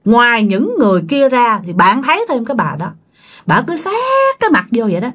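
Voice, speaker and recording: Animated woman storyteller. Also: on the high side, brisk, husky. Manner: chatty, addresses listeners directly. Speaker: storytelling channel host. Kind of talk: casual ghost-story narration.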